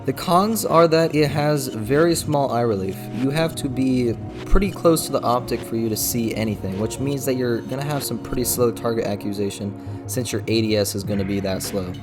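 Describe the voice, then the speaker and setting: A man's voice: mid-range voice, moderate pace. A man giving a casual, opinionated product review as an airsoft video host, explaining pros and cons informally. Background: music.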